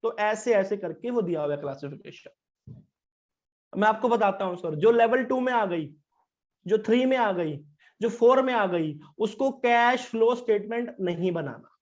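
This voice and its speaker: A man speaking at a professional webinar, giving an informal, lively lecture and keeping the audience engaged with questions. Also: high voice, unhurried. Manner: lively, chatty, keeps asking the audience questions. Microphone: online meeting mic. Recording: dull, lo-fi sound.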